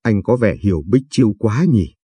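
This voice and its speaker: A man voicing a shy, polite young woman with a limp, speaking softly and timidly in a storybook reading. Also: fairly low pitch, expressive, moderate pace, slightly rough, dry recording. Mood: hurt, gentle.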